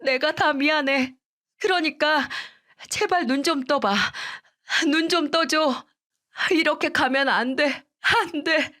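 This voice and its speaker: A woman's voice: high voice, animated, normal speed, pushed and bright, voice pushed up. A woman voicing a young widow who sobs and screams her pleas in despair. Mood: desperate.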